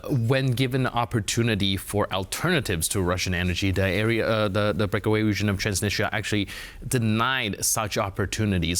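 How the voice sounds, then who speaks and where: A man with a fairly low voice hosting a news interview show. He reads his lines smoothly, then asks long, rambling questions full of "uh" and restarts. Studio microphone. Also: a bit bright. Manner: hesitant, fillers and restarts when asking questions.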